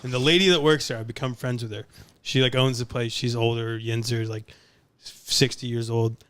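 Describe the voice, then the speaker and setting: A comedian guest telling a casual story with animated energy, acting out the lines he quotes. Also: mid-range voice, moderate pace, clear, resonant tone.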